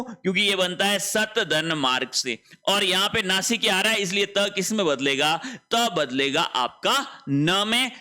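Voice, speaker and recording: A man's voice: on the high side, sharp tone. A male Hindi teacher giving an online spelling lesson, repeating each word and asking and answering his own questions.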